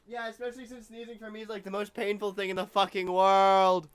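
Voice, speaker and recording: A young man trading dry, sarcastic asides in a relaxed podcast chat. His voice sits a bit higher than most men's, and the sound is close and dry with no room around it. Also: a little fast, clean tone, no room sound. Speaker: podcast co-host. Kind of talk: casual chat.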